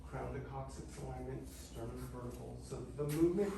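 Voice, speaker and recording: A middle-aged man giving measured, technical step-by-step exercise instruction in short phrases. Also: medium pitch, creaky. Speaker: movement class instructor. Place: large indoor studio with treatment tables. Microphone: far camera microphone. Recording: distant mic, very echoey, noisy room.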